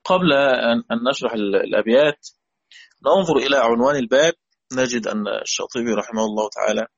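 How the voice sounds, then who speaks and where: A man's voice: medium pitch, fast talker, dull audio. A man with an Egyptian Arabic accent teaching a Quran recitation lesson, patiently repeating key points and putting questions to his students. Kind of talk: explanatory lesson.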